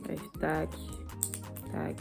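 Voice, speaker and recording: A woman's voice: extremely slow, over music. A young woman chatting casually in a vlog, rambling with many fillers and restarts. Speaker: vlogger.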